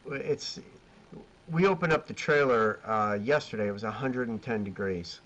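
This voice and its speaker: A BBQ caterer appears as a guest on a video call, his lowish voice slightly bright and moderately paced. In casual chat he tells rambling stories about catering and grilling, laughing at himself. The audio is dull and lo-fi, with faint noise.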